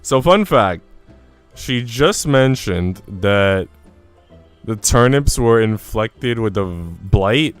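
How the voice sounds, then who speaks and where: A man livestreams to his viewers, chatting casually and reading a visual novel aloud in an informal, chatty, mildly profane way over soft music. His voice is on the low side, smooth and animated, at a slow pace.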